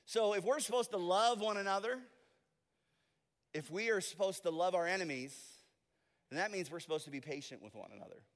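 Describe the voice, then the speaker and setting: A man preaching a sermon as pastor, moving between soft, intimate asides and loud, emphatic declarations. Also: high voice, big-room sound.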